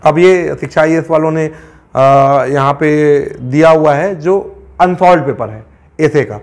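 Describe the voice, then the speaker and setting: A man teaches an exam-prep class in a relaxed, chatty lecture. His voice sits somewhat high for a man, and he keeps asking whether his students are following. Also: unhurried. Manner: conversational, checks understanding with frequent asides.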